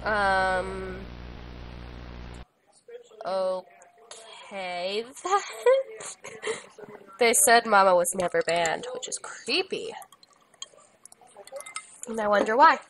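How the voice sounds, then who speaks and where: A woman's voice: mid-range voice, takes it slowly, pauses often, low-quality recording. A young woman commentating casually while playing a video game, making bemused and mildly annoyed remarks. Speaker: let's play gamer. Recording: loud game music behind.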